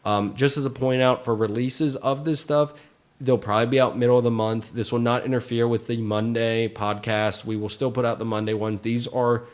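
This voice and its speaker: A man in a casual podcast chat, talking in a loose, chatty way. His voice sits at an ordinary middle pitch, and he runs through show plugs with upbeat energy. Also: little pitch movement, normal speed. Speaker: podcast co-host.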